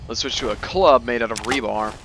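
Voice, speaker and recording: A man's voice: mid-range voice, brisk, noisy background. A man giving casual gameplay commentary, informal and joking as he explains things. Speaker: video game streamer. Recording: game music behind commentary. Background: video game music and sounds.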